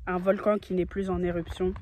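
Her voice sits lowish and warm, delivered flatly and fairly quickly. She's a young travel vlogger out in nature, chatting playfully to a phone camera held at arm's length in casual vlog fashion.

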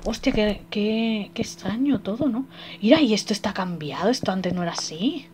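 A young woman playing through a horror game, excitable and quick to swear and laugh. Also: mid-range voice, a little hiss or hum. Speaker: gamer. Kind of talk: let's play commentary. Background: faint game music.

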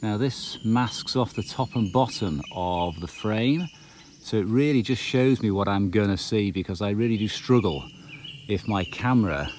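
Middle-aged guy, lowish voice, calmly explaining camera stuff out in the woods, faint birds in the background. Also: normal speed, a little hiss or hum. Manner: relaxed, thoughtful, explains gear step by step. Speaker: photography vlogger. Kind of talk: casual explanatory talk to camera. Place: outdoors in a green forest.

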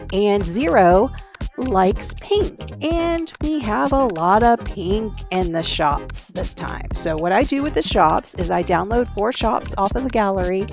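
Chatty woman with a gravelly edge. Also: mid-range voice. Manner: chatty, thinking aloud as she plays. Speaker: Sims gameplay narrator. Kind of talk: casual gameplay commentary.

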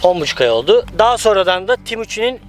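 Man, high voice, vlog host, casual outdoor chat, teasing and joking. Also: sing-song, fast.

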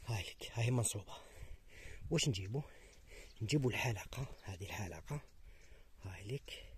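A man with an Algerian Arabic accent demonstrates a hunting method outdoors, step by step. He talks straight to his viewers and often drops into a hushed whisper. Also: lowish voice, lively intonation, fairly quick, slight background noise. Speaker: hunting tutorial host.

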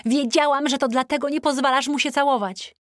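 A woman voicing an excitable, romantic teenage girl who gushes with enthusiasm in an audiobook. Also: mid-range voice, moderate pace, dry recording, studio quality, lightly acted. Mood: excited. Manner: excitable, breathless gushing. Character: gushing romantic teenage schoolgirl friend.

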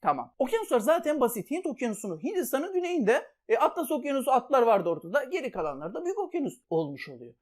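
Woman, geography teacher, exam-prep lesson, playful, very lively pitch. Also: fast, hardly any pauses. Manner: lively, playful, addresses students directly.

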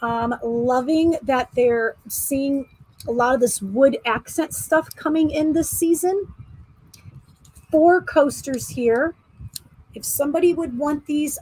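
A woman in her forties with a high, breathy, slightly husky voice hosts a live online auction. She talks in an unhurried, easygoing way, laughing often and calling out to viewers by name as she holds up each piece. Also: low-quality recording. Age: 40s. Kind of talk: casual live-stream selling chat.

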